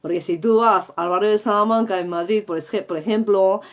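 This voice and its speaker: A woman's voice: medium pitch, steady tone, fairly quick. A middle-aged woman from Spain with a Spain Spanish accent, teaching English on a livestream in a playful, theatrical way and acting out the sounds. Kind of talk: live-streamed language lesson.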